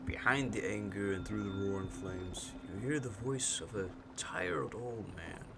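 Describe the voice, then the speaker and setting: A man's voice: on the low side, unhurried, very noisy. A man hosting a let's play, reading narration aloud and commenting on the game. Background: game music.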